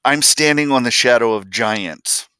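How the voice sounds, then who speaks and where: A man's voice: mid-range voice, unhurried, bright, forceful tone, clear, resonant tone, no echo, clean studio sound. An older man from Ohio telling a family story as a vlogger, folksy and blunt, and acting out the voices of the people in it. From Columbus, Ohio, USA. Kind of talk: personal storytelling.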